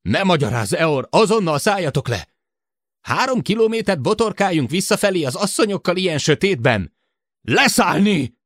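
A man's voice: on the high side, wildly swooping pitch, no echo, clean studio sound, pitched above the performer's own voice. A man voicing an anxious woman in a control room who orders the crew to land. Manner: urgent, commanding.

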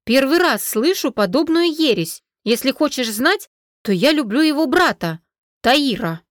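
A woman narrator puts on a hot-headed young woman who bristles at every remark. Her voice jumps well above the narrator's own and turns shrill and loud. It is recorded dry and close, with no room around it. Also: lively intonation, unhurried, dry recording. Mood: outraged. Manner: indignant, shrill outbursts. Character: feisty indignant young woman, dragon's bride.

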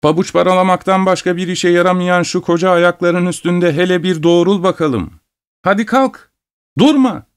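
A man voicing a stern, sharp-tongued farm mother who scolds and gives orders. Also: mid-range voice, very animated, normal speed, lightly acted. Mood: scolding. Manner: scolding, commanding.

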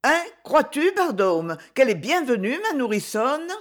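A woman's voice: on the high side, big pitch swings, a little slow. A woman reader voicing a proud, chatty older peasant woman who once nursed the heroine, speaking with fond exclamations.

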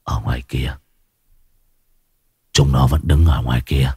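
A man's voice: a bass voice, steady tone, a little slow, darkish tone, breathy edge, no echo, voice pushed down, heavily acted. A man voicing a possessed old village man who mutters coldly and menacingly. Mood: eerie, menacing.

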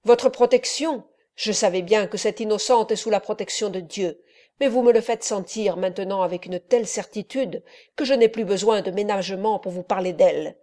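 A man's voice: sits high, normal speed, warm tone, lightly acted. A woman reading an elderly friar in an audiobook, fervent and preaching. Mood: wrathful. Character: impassioned elderly male friar, pleading then wrathful.

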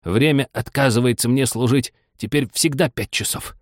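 A man's voice: mid-range voice, moderate pace, no echo, clean studio sound, pitched above the performer's own voice, close to an everyday voice. A man doing a gloomy quarrelsome hatter. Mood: storytelling. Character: gloomy eccentric male hatter, argumentative. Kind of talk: audiobook character reading.

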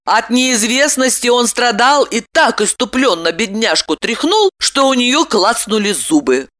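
A woman reading an audiobook aloud with expressive storytelling. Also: fairly high pitch, a little slow. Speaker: narrator. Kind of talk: audiobook narration.

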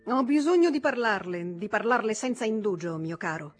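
A woman voicing a loud, mocking old male banker who keeps bursting into laughter. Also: mid-range voice, lively intonation, moderate pace, faint music behind, close to an everyday voice.

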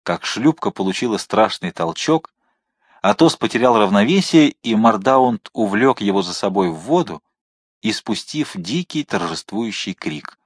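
A man narrating an adventure novel in an expressive, dramatic reading style. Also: lowish voice, measured pace, husky, no room sound, clean studio sound. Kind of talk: audiobook narration.

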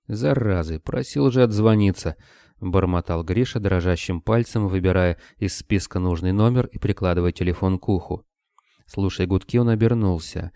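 A man narrating an audiobook in a steady, measured reading. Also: sits low, clear, resonant tone, dry recording, studio quality.

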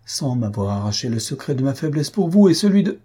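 A man's voice: medium pitch, sing-song, a little fast, mellow, husky, voice pushed up. A man reading an audiobook, voicing an anguished young noblewoman with a solemn, pleading manner. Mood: sorrowful.

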